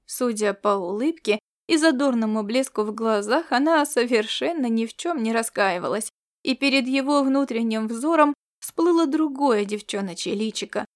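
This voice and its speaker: A woman giving a steady, expressive scripted audiobook narration. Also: a little high, normal speed.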